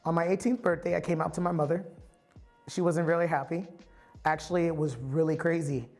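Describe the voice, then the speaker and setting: A man's voice: a little high, fairly even intonation, fairly quick, a little mellow, soft background music. Candid man from the Bay Area. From San Francisco Bay Area. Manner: candid and reflective. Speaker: storyteller. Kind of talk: personal testimony.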